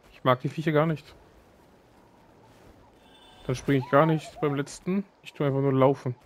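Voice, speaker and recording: A man's voice: fairly high pitch, steady tone, normal speed, pauses often, a little hiss or hum. A man giving casual gaming commentary, grumbling and talking to himself. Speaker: let's player.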